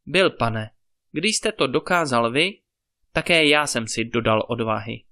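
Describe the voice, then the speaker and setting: A man's voice: mid-range voice, animated, bright, forceful tone. A man reading an earnest young boy messenger.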